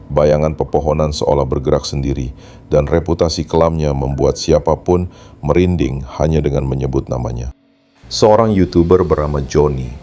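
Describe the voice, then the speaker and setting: A man's voice: extremely low pitch, mellow, slight background noise. A man reading a scripted horror story as narrator, in a solemn, dramatic storytelling manner.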